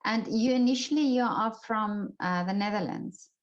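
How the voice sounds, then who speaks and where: A woman's voice: fairly high pitch, normal speed. A woman hosting an interview, asking questions attentively and murmuring along as her guest speaks. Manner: attentive, frequent listening murmurs. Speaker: interviewer host. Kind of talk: interview conversation. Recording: slightly dull, lo-fi sound.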